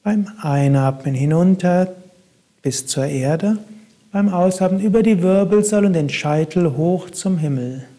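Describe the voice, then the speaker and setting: A man guiding a meditation in a calm, soft-spoken way, with long pauses between instructions. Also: high-pitched. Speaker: meditation guide.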